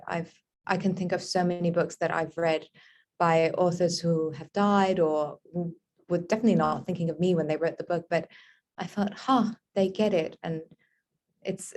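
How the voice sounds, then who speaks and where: A woman from Lebanon with a fairly low voice and a dark, mellow tone answers book club questions over a video call. She muses as she talks, fills her pauses with soft hums and now and then lights up with wonder. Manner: reflective and musing, with many soft fillers; bursts of wonder and excitement. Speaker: author being interviewed.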